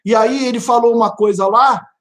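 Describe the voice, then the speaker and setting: A man preaches a live testimony. He tells his story with animated energy and mimics a pounding heartbeat. He speaks straight to his listeners as brothers and sisters. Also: extremely high pitch, normal speed. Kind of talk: live-streamed testimony sermon.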